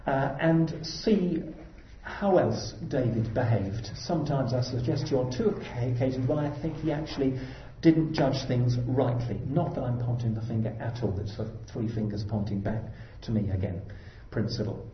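Earnest preacher in a roomy hall. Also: male voice, mid-range voice, normal speed, a little hiss or hum. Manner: earnest, exhorting, rising to emphatic peaks. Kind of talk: sermon. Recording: dull roomy hall recording.

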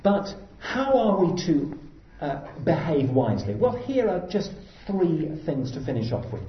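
A man's voice: a little high, big pitch swings, a little slow. A man preaching a sermon in an earnest, exhorting way, rising to emphatic peaks. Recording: dull roomy hall recording.

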